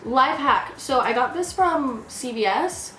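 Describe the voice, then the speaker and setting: A woman's voice: high voice, animated, takes it slowly, fairly bright tone, a little hiss or hum. A young woman giggling tipsily as she chats casually through a makeup tutorial. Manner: giggly, tipsy. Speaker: makeup vlogger. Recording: echoey room with background music.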